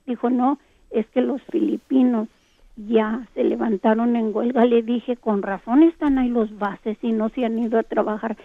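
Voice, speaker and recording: An older woman from Texas calls in to a radio show and rambles through a long recollection, full of fillers. Her voice sits a little high, with fairly even intonation and a moderate pace. The recording is dry, with a tinny phone-line sound.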